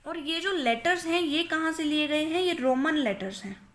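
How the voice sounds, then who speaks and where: Bright high-voiced Indian woman teaching. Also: normal speed. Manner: explains by asking and answering her own questions, repeats terms; mixes English terms into Hindi. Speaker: commerce teacher. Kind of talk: recorded lecture.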